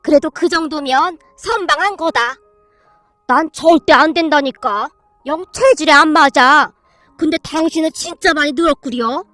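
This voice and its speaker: A woman's voice: sits high, normal speed, pushed and bright, no echo, faint music behind. A woman voicing a mild, sheepish old father-in-law.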